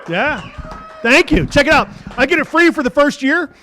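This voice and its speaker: A man with a high voice emceeing a comedy club night, speaking into a stage mic. His stand-up patter is loose and rambling, full of quick asides to the crowd. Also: animated, bright, forceful tone. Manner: rambling, loose audience banter. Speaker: host comedian.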